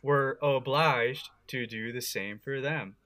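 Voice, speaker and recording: A man's voice: mid-range voice, takes it slowly, sharp tone. Young man in quizzical podcast banter. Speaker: podcast co-host. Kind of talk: casual chat.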